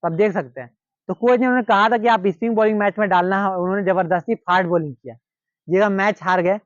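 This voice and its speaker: A man's voice: sits high, quick pace, dry recording, muffled recording. A man with a Hindi-speaking Indian accent telling a cricketer's story in a casual, repetitive, conversational way, acting out the quoted lines.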